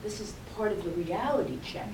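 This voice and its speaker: A woman minister giving a sermon, telling a story in a gently reflective way. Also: medium pitch, expressive, fairly quick. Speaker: reverend. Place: spiritual center hall. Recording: echoey room, distant mic, faint noise.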